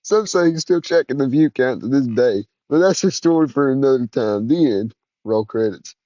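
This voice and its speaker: A man narrating an interactive story in the second person, in a smooth, even way. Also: mid-range voice, a little fast, no room sound, dull audio.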